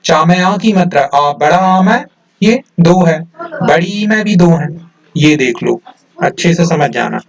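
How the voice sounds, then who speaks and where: A man's voice: on the high side, expressive, a little slow, creaky, recorded from a distance. A male teacher explaining a grammar lesson to students in a patient, explanatory manner, often checking with "है ना" and "ठीक है".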